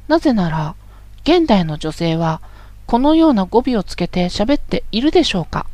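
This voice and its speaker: A woman giving a calm, polite, instructive voice training lesson as scripted narration. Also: medium pitch, normal speed, dry recording.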